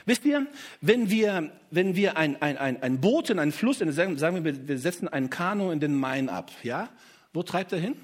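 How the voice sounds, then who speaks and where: Male preacher, fairly high husky voice, lively sermon delivery, talks to the congregation. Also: normal speed. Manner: lively, stresses quoted verses loudly, many restarts and fillers; addresses congregation with "hey", "oder?", "ja?".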